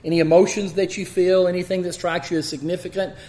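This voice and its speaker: A man with a West Texas accent teaching the Bible in an expository style, measured and emphatic. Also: high voice, flat delivery, dark tone.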